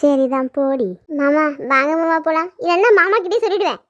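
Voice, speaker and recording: A woman's voice: sits high, a little fast, fairly bright tone, no room sound. A woman voicing a clingy young woman in a cartoon who coaxes and pleads in a wheedling way. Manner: wheedling, coaxing. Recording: dull lo-fi sound.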